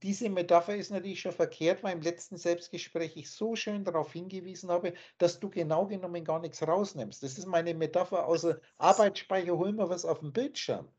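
A man's voice: high-pitched, a little fast, hardly any pauses, a little mellow, slightly rough. A man teaching in an emphatic, scornful lecturing manner, speaking over a video call. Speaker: spiritual teacher. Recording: dull lo-fi online call audio.

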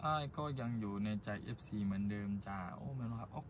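A man's voice: on the low side, quick pace, noisy background. A young man from central Thailand with an Isan accent, chatting playfully and politely as host of his own livestream. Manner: playful, jokey, polite ending particles. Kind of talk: casual livestream chat.

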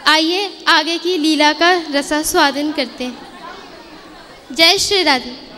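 Reverent slow woman narrator in a hall. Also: sits high, sharp tone, a faint crowd, slight background noise. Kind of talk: devotional storytelling narration. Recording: reverberant hall, faint audience.

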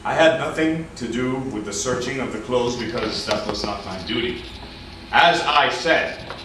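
In a staged reading around a meeting-room table, a man plays a defensive, evasive Nazi work-detail leader under interrogation. His medium-pitched voice is bright and forceful, close to an everyday voice, picked up by a far camera microphone in a very echoey room with hiss.

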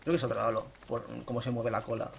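Talking fast with vocal fry, a young man offers chatty, self-mocking commentary on his gameplay into a desk mic as a gaming YouTuber. Now and then he erupts in excited high shouts. A little hiss or hum runs through the recording.

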